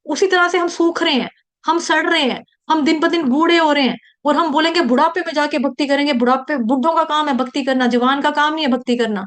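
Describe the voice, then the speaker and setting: A woman teaching a devotional scripture class, telling stories in a lively way and acting out the people in them. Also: high voice, a little fast. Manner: animated storytelling, acting out quoted voices; mixes in English sayings. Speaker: Bhagavad Gita teacher.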